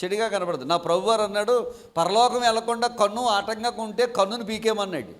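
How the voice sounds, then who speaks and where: A middle-aged man preaching a sermon, asking the congregation questions and answering them himself, and reading scripture slowly. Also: sits high. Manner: slow measured scripture reading. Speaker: pastor.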